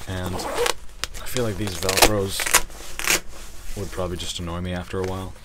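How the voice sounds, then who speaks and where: A young man from Switzerland vlogging into a handheld phone camera as he shops and walks around town, with relaxed, wry commentary. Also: low voice, normal speed, heavy background noise. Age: young adult. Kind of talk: casual vlog narration. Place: shops and streets of a town, indoors and outdoors. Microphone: phone camera held by hand.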